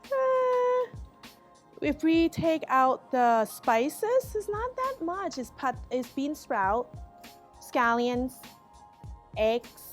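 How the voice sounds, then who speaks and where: A Thai guest chef with a Thai accent explains a recipe step by step while cooking in a restaurant bar kitchen, laughing lightly now and then. Her voice sits high with big pitch swings, and she speaks extremely slowly over faint background music.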